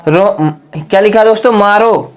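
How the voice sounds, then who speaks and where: A man's voice: high voice, normal speed. Man teaching grammar, full of rhetorical questions. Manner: repetitive, asks the class rhetorical questions and keeps calling them friends. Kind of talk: spoken grammar lesson.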